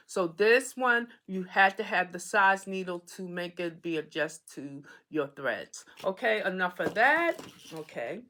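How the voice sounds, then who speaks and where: A woman's voice: fairly low pitch, sharp tone. A woman hosting an embroidery tutorial, explaining materials in a casual, chatty way and often checking in with "okay?". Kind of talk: casual how-to demonstration.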